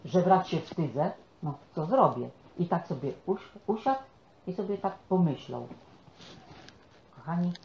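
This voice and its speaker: A man preaching a conversational sermon, often tagging his sentences with quick questions to the congregation. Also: high voice. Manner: chatty, peppers speech with tag questions. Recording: echoey, dull room sound.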